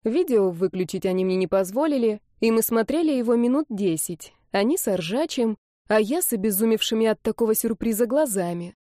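A young woman narrating a first-person audiobook in a lively, expressive way. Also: fairly high pitch, a little fast, no echo, studio quality.

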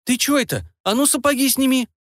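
Man doing enchanted frog, young woman inside, high voice, bossy, exasperated, lively swoops, dry close sound. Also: fairly quick, dry recording, exaggerated voice. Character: enchanted frog, really a sharp 25-year-old woman. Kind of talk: audiobook character voice.

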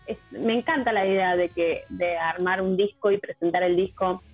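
A woman in her thirties with an Argentine accent, a musician guest talking in a relaxed, hesitant way with many fillers. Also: on the low side, normal speed, dry recording. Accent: Argentine Rioplatense. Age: 30s. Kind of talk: casual radio interview. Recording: tinny phone line with music bed.

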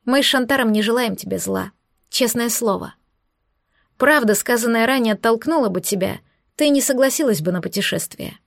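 A woman voicing a gentle, persuasive female demon in an audiobook, speaking softly and reassuringly. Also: a little high, normal speed, vocal fry, no room sound, studio quality. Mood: coaxing. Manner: soft, coaxing, reassuring.

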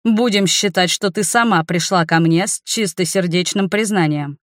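A stern middle-aged rector of a magic academy, put on by a woman reader, slow and measured, his voice pulled a little lower. He lays down the rules with weight. Dry, close storybook sound. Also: no echo, lightly acted.

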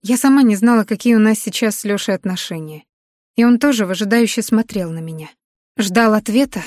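A woman narrating a novel in the first person with a measured, expressive reading. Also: medium pitch, no echo, studio quality. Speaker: audiobook narrator.

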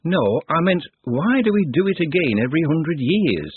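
A puzzled, querulous wizard, voiced by a male reader, lifted a little in pitch. The voice is husky and dry, and it comes through thin and tinny. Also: very animated, moderate pace, no room sound, exaggerated voice. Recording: dry, tinny phone-like sound.

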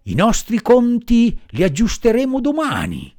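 A man voicing a stern, angry farmer who scolds loudly and threatens a puppet boy. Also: very high-pitched, wildly swooping pitch, unhurried, pitched above the performer's own voice, full character voice.

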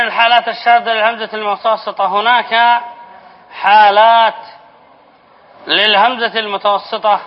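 High-voiced man teaching a spelling lesson. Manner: repeats key phrases, asks the class questions then answers; dictates example words slowly. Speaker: Islamic studies teacher. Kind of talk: classroom lesson on spelling rules. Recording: dull lo-fi lesson recording with faint hiss.

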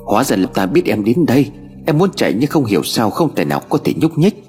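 A man narrating a ghost story in an expressive, dramatic reading style. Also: medium pitch, quick pace, in a large hall, faint music behind.

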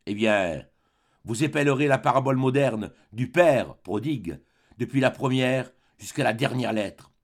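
A smug, pompous former perfumer who pursues his scheme with insinuating bitterness, as a male reader puts him on. His lively, swooping delivery has a gravelly, husky grain. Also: mid-range voice.

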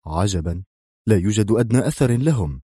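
A man's voice: lowish voice, brisk, darkish tone, no echo, studio quality, lightly acted. A man voicing a severe, commanding defense secretary. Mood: stern. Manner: curt and severe.

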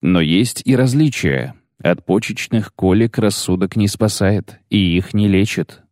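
A man voicing a gruff, terse witcher in an audiobook reading, clipped, dry and sardonic. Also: on the low side, a little slow, darkish tone, no room sound, lightly acted. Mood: curt. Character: gruff, terse male witcher, weary and skeptical.

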